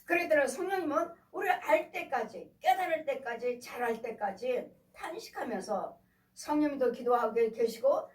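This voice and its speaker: A woman's voice: high-pitched, expressive, moderate pace. A middle-aged woman pastor preaching a sermon, repeating exhortations and asking the congregation rhetorical questions. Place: church sanctuary. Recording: echoey room, voice from a distance.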